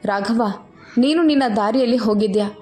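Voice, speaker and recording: A woman voicing a gentle, grieving older mother who speaks softly and tearfully. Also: fairly high pitch, moderate pace, soft background music, natural voice. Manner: tearful, soft.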